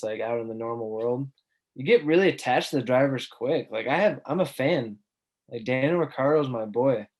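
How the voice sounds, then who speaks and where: A young man co-hosting a podcast in casual chat, earnest and enthusiastic about the things he loves. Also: mid-range voice. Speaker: podcast co-host.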